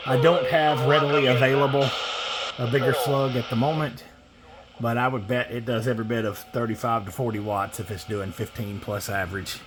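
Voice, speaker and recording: A radio seller gives a casual, folksy demo of radio gear, muttering informal asides while he tests it. His voice is medium-pitched with a steady tone and a fairly quick pace. CB radio noise can be heard in the background.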